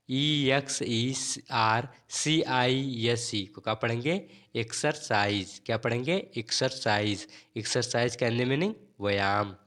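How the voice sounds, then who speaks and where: A man's voice: mid-range voice, fairly bright tone. A man teaching an English lesson, spelling words out letter by letter and asking and answering his own questions in a drilling rhythm. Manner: spells words letter by letter, then repeats them slowly.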